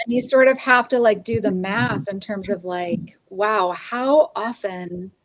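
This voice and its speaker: A woman's voice: medium pitch, measured pace, dry recording. A woman co-hosting a casual podcast chat, talking in loose, rambling sentences full of fillers. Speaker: podcast co-host. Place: Oklahoma, US.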